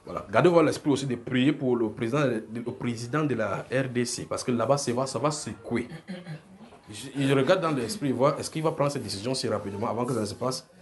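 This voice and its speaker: A man with a Francophone African accent preaches an extempore prophetic sermon to a congregation, sharing visions off the cuff, repeating phrases and checking that listeners follow. His voice is medium-pitched and fairly quick.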